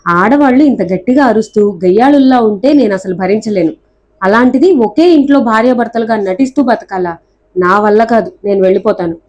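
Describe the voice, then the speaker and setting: A woman's voice: fairly high pitch, a little fast, a little mellow, dull audio, lightly acted. A woman voicing a stubborn, fussy young man who complains and whines in a storybook reading. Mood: annoyed. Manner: whiny, complaining.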